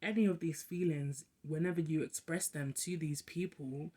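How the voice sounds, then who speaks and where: Quick-talking young adult host. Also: mid-range voice, steady tone, mellow. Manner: quick, talkative, many fillers and restarts. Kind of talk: casual reflective monologue.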